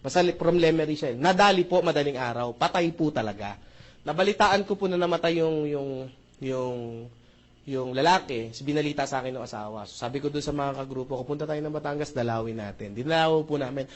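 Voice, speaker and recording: Speaking a little fast and on the high side, this man delivers a lively Tagalog-English seminar presentation of a marketing plan. He trades jokes with the audience, repeatedly asks "tama ba?", and courteously addresses them with "po" and "mga brother, mga sister".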